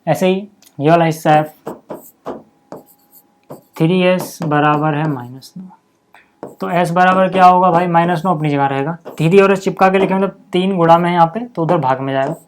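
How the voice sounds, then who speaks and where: A man's voice: high voice, fast, a little hiss or hum. Chatty male maths teacher explaining steps. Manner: chatty, checks in with "thik hai" after each step; addresses viewers informally as "bhai sahab" and "yaar". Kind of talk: casual step-by-step lesson.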